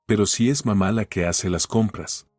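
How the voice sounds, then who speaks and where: A man's voice: on the low side, moderate pace, a little mellow, no echo, clean studio sound, soft background music, natural voice. A man voicing an entitled young husband who talks down coldly and with scorn, in an audiobook story reading. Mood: scornful. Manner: cold and scornful.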